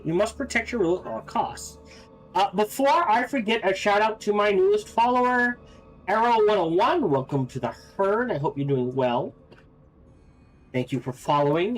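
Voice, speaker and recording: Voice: medium pitch, low-quality recording. A game streamer giving casual gameplay commentary, thinking aloud.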